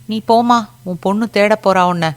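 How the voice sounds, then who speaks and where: A woman's voice: mid-range voice, normal speed, pitched above the performer's own voice, natural voice. A woman voicing a flustered young village woman who talks her way past a neighbor's questions in a storybook reading. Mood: evasive. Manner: flustered, brushing things off. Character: Lakshmi, anxious young village woman covering up.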